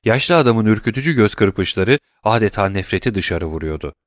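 A man reading a classic novel aloud in a measured, even narration. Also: on the low side, no echo, clean studio sound. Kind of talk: scripted narration.

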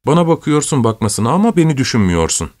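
A man's voice: medium pitch, very animated, fast, no echo, clean studio sound, voice pushed up, lightly acted. A man voicing a playful young woman in love, tender and a little sulky, in a storybook reading. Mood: tender, teasing. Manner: teasing and tender, softly sulky.

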